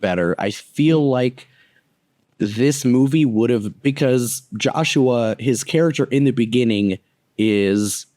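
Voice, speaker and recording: A man's voice: medium pitch, expressive, takes it slowly, warm tone, dry recording, studio quality. A young man co-hosting a casual movie review podcast, rambling with lots of fillers, swearing and laughing often. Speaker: podcast co-host.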